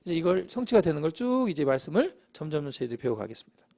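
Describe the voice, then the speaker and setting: Male lay preacher, high and lively voice, quizzes the congregation, acts out quotes. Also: rapid-fire. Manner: animated, asks the congregation questions, acts out quoted lines. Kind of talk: Bible study sermon. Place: church.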